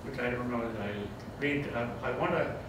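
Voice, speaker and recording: Lecturing briskly at medium pitch, an older man with Tamil-accented English reflects, chuckles and gently pokes fun at himself. He's a retiring theology professor giving an informal farewell lecture with Q&A, caught from a distance by a camera in an echoey, medium-sized indoor seminar room with background noise.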